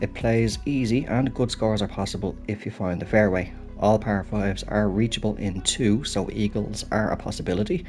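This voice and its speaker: A British gaming channel host with a lowish, darkish voice chats through a golf video game at a moderate pace with few pauses and fairly even intonation, faint music behind him. Throaty and stuffed up from a cold, he's apologetic and thinks aloud as he plays in relaxed commentary.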